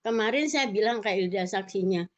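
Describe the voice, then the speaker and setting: A woman's voice: medium pitch, lively intonation, brisk, lo-fi sound. A middle-aged woman sharing an emotional personal testimony over a video call, rambling and fervent, acting out remembered dialogue.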